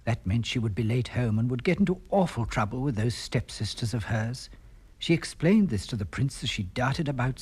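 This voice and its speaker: A man narrating a fairy tale on a vintage storybook record, with warm, expressive delivery. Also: medium pitch, breathy edge.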